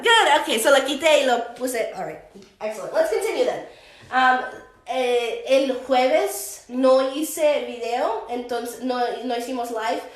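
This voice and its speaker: A woman English teacher on a live stream, switching between Spanish and English and slowing down for example sentences. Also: high-pitched. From United States. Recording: echoey room, voice a little far from the mic.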